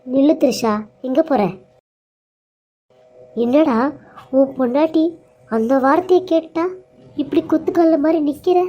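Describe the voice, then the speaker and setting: A woman's voice: a little slow, long pauses, warm tone, lo-fi sound. A woman voicing a scheming, cruel middle-aged mother-in-law in a cartoon serial, scolding and wailing dramatically. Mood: taunting. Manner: scolding, dramatic wailing, low plotting asides.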